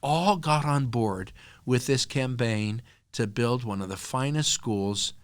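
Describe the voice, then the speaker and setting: A man guest on a podcast, telling stories in an earnest, animated conversational way. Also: mid-range voice, slow pace, clear, resonant tone, dry recording. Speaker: podcast guest, nonprofit co-founder. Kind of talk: conversational interview storytelling.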